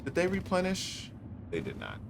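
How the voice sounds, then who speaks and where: A man's voice: high voice, wildly swooping pitch, moderate pace, gravelly, heavy background noise. A man streaming a game live, chatting casually with his viewers as he plays. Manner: laid-back, chatty, talks to chat viewers; sings playful ditties while playing. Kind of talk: live gameplay commentary. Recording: loud game music behind voice.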